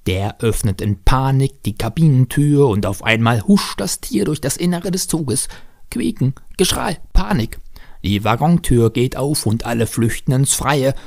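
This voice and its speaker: A man reading his own first-person story aloud on stage, in a lively, expressive storytelling manner. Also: medium pitch, normal speed, hardly any pauses.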